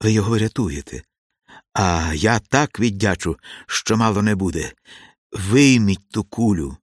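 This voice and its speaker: A man's voice: on the low side, expressive, measured pace, no echo, studio quality. A man voicing a grief-stricken peasant who pleads and cries out, in an audiobook reading. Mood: pleading. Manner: cries out, begs, self-reproaching.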